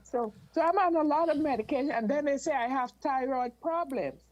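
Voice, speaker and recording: Seeking advice on a video call, a Guyanese woman talks casually but hesitantly, repeating words and starting her sentences over. Her high voice is brisk with a darkish tone, and the recording has its highs cut off.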